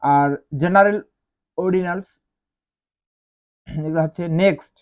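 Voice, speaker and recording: A man teaching English grammar as a lesson, speaking slowly and repeating each example. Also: high voice. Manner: slow, repetitive, spells out each example. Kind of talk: explaining grammar rules to students. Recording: dull lo-fi sound.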